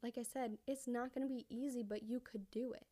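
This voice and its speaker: A young woman hosts a casual solo podcast, rambling, correcting herself, and sounding a bit out of breath in a conversational way. Her pitch is fairly high and her tone steady and dark, with a slightly fast pace.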